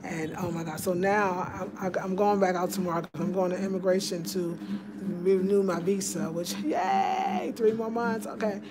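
A woman giving a chatty, excitable home tour to her viewers, filmed on a handheld phone in a small room. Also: medium pitch, moderate pace, noisy background. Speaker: home decor vlogger. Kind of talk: casual home tour vlog. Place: small room of a house indoors. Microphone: handheld phone camera.

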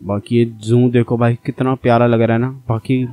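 A man's voice: mid-range voice, little pitch movement, normal speed, mellow. A young man giving casual, chatty commentary on his own gameplay and talking straight to his viewers. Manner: chatty, addresses viewers as brother. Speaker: gaming channel host.

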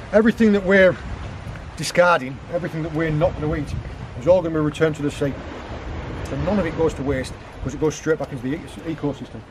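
A man in his thirties speaks in a higher register over background noise while preparing seafood on a rocky beach. The guest forager demonstrates cooking in a casual outdoor how-to, narrating each step as he works with his hands.

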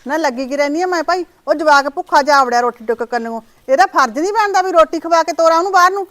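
An actress playing a sharp-tongued mother-in-law who nags and scolds her daughter-in-law, in a village short-film drama. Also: high voice, lively intonation, fast talker. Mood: scolding. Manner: scolding, nagging.

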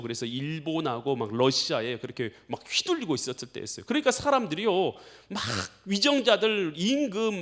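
High, animated male pastor preaching. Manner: emphatic preaching, addresses congregation repeatedly, acts out prayers. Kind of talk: sermon.

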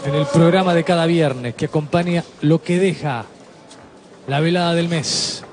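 Faint ringside noise lies behind a somewhat high-voiced man. He calls a boxing match live in short, clipped phrases, blow by blow. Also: moderate pace. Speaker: boxing play-by-play commentator. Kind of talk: terse live blow-by-blow commentary.

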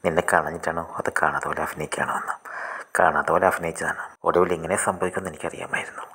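A calm, fearless, well-off middle-aged man from a storybook, voiced by a man. He speaks low and steady, matter-of-fact. The voice is deep, quick and bright. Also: slightly rough, exaggerated voice.

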